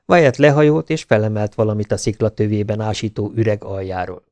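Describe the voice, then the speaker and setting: A man reading an audiobook aloud with an even, dramatic storytelling manner. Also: fairly low pitch, dry recording. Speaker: audiobook narrator. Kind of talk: scripted audiobook narration.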